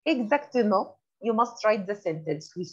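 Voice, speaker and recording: Slow, lively woman teaching French. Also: medium pitch, breathy edge. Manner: slow, repeats each word and glosses it in English. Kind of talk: classroom vocabulary lesson. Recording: dull lo-fi recording.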